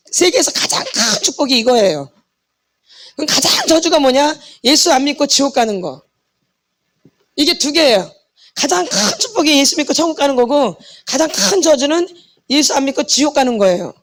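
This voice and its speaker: A middle-aged woman preaching a sermon on healing, fervent and full of rhetorical questions to her congregation. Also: high-pitched. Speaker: pastor's wife and healing ministry lecturer.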